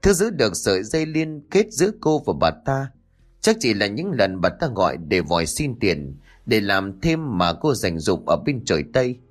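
Man, audiobook narrator, dramatic horror reading, lively pitch, faint music behind. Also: moderate pace. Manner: expressive, dramatic. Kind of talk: scripted horror story narration.

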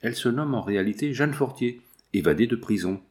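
A man voicing a composed young lawyer who speaks in a calm, measured way, in a storybook reading. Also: mid-range voice, lightly acted. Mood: grave.

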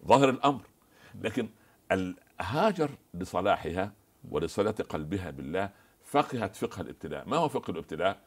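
A man's voice: deep voice, very animated, quick pace. A man as the scholar guest on a TV religious discussion, preaching and quoting scripture and stories.

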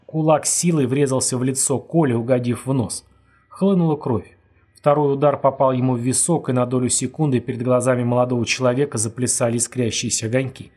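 A man reading an audiobook with steady, dramatic narration. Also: medium pitch, a little fast. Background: faint music.

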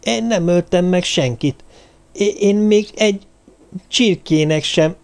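A man's voice: a little high, a little mellow, pitched above the performer's own voice, lightly acted. A frightened little man from a circus stammers and answers in short, nervous bursts, as a male narrator voices him. His voice sits above the narrator's own in an audiobook.

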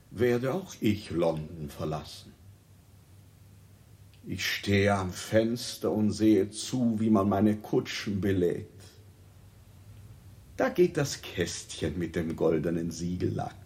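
A man's voice: low-pitched, darkish tone, exaggerated voice. An actor playing a haughty, sardonic, melancholic king in a 1960s German radio play, pompous and theatrical, savouring each phrase.

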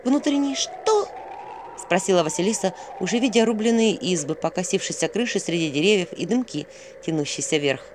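A narrator reading a fairy tale audiobook in an expressive storytelling manner. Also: medium pitch, fast, noisy background.

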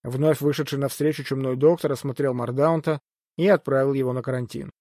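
A man reading first-person adventure fiction aloud as an audiobook narrator, steady and measured. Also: mid-range voice, dry recording, studio quality.

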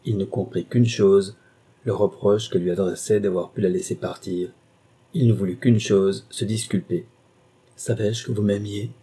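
A man narrating a novel in a measured, literary reading. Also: low voice, steady tone, dark tone, husky. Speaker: audiobook narrator. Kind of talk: scripted narration.

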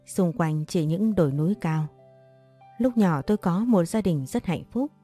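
Mellow-voiced woman narrating a story. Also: fairly low pitch, expressive, a little slow, husky, soft background music. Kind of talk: first-person story narration.

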